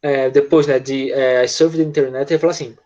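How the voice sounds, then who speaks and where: A patient man with a Brazilian accent leads an English class online, modelling phrases for pupils and checking in often with quick tag questions. His voice sits in a middle pitch. The audio is slightly muffled and lo-fi. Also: fairly even intonation, dark tone. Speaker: English teacher.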